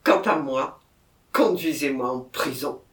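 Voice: mid-range voice, takes it slowly, far from the mic, close to an everyday voice. A reader voicing a terrified man who has confessed to murder and begs to be taken to prison, in a storybook reading with a roomy echo. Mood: panicked pleading. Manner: loud, pleading and panicked.

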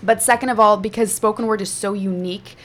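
With a fairly bright, steady tone at medium pitch, this Afrikaans-speaking woman performs her poetry in a slow, dramatic style. She is a spoken word poet and teacher, and she also converses about her craft.

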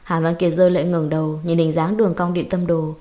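A woman narrates a dramatic audiobook in a steady, earnest reading voice. Her pitch sits on the low side. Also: fairly quick.

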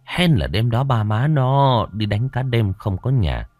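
A man narrating a ghost story with a lively, expressive delivery. His pitch moves widely as he tells it. The recording is close and dry. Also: unhurried, no echo.

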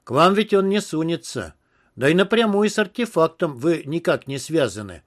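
A man's voice: a little high, very animated, moderate pace. A man voicing a stooped, nervous young male henchman who mumbles deferentially. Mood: uneasy.

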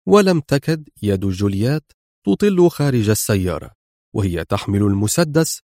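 Read it dramatic and animated, let the pitch swing wide, a male narrator in a dry booth. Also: normal speed, no echo. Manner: lively, dramatic storytelling. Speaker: audiobook narrator.

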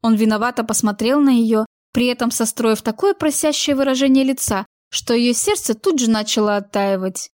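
A woman narrating a romance novel as an audiobook, in a steady, expressive storytelling manner. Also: fairly high pitch, moderate pace, hardly any pauses, no echo, clean studio sound.

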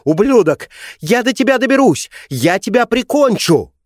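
Man doing a hysterical grieving woman, shrieking, vengeful, audiobook character, raised high voice, dry sound. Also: fairly even intonation, moderate pace, no room sound, natural voice. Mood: hysterical rage. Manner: shrieking, furious accusations.

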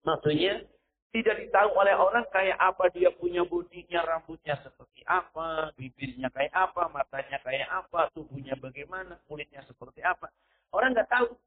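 High-voiced man preaching, tinny recording. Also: moderate pace. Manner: stresses points with repeated "ya", quotes Arabic scripture. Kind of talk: sermon.

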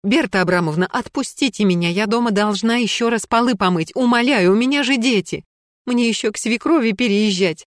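A woman's voice: medium pitch, normal speed, no echo, clean studio sound, close to an everyday voice. A woman narrating an audiobook, voicing a panicky, fussy middle-aged woman who pleads and frets. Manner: frantic, pleading, fussing.

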